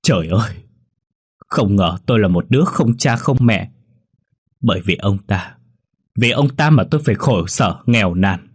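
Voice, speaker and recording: A man's voice: on the low side, lively intonation, brisk, pauses often, darkish tone, slightly rough. A man voicing a young gambler who turns remorseful, pleading and crying out in anguish. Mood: enraged. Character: desperate young man, wild gambler turned remorseful son.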